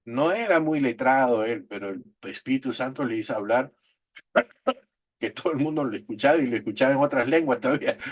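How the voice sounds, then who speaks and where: A man teaches an online Bible class over a video call. He gives direct, plain advice to the class. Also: medium pitch.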